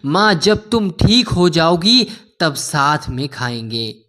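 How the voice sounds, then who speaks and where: A man voicing a poor eight-year-old boy who speaks softly and pleads for his sick mother. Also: on the high side, very animated, slow, exaggerated voice. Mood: pleading.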